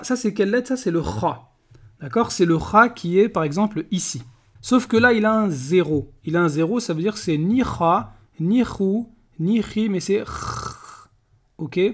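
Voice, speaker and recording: Slow patient teacher sounding out syllables one by one, keeps asking ok?, unhurried. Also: mid-range voice. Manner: patient, checks understanding with frequent "ok?"; reads syllable drills one by one. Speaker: Arabic reading teacher. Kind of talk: step-by-step reading lesson.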